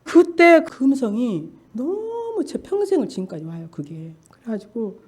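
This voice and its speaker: A woman's voice: fairly high pitch, sing-song, unhurried, a little mellow, slightly rough. An older woman, a church deaconess, telling her spiritual testimony in an earnest, fervent way and urging her listeners on. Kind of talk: emotional spoken testimony.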